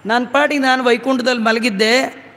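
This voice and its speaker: A weary, gentle god grumbles about his troubles in a high, plaintive voice, as a preacher puts him on in a sermon. The words carry a long hall echo. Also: fairly even intonation, normal speed.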